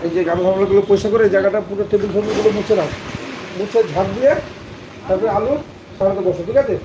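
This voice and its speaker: A man with a West Bengal Bengali accent, a restaurant owner teasing and ordering his staff in a loud, casual way in a restaurant kitchen, with street noise around. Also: high-pitched, fairly even intonation, very fast. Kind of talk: casual bossy chat with staff. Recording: noisy street ambience.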